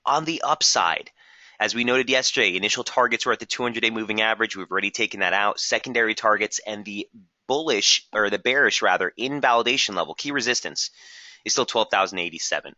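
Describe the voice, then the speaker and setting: A man hosting a live trading webinar, brisk and technical, losing his voice and clearing his throat now and then. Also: on the low side, sharp tone, no echo, lo-fi sound. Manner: brisk, technical, addresses viewers as guys. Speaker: market strategist hosting a webinar.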